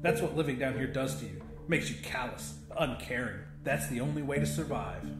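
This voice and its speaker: Speaking fairly quickly with lively intonation and a medium pitch, a male audiobook narrator relates a scripted first-person horror comedy. His storytelling is casual and sweary, recorded with room echo and background music.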